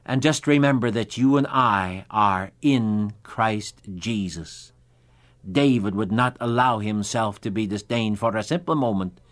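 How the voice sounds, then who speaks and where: Emphatic male Bible teacher preaching. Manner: emphatic, with sudden pitch rises and slow, drawn-out stresses; reads scripture aloud in old-fashioned wording. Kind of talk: radio Bible teaching sermon.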